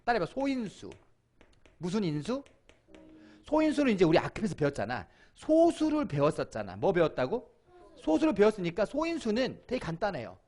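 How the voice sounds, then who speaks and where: A middle-aged man teaching middle school math in an online lecture, constantly asking questions and having the listener repeat terms. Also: high voice. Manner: lively, questioning, calls on student.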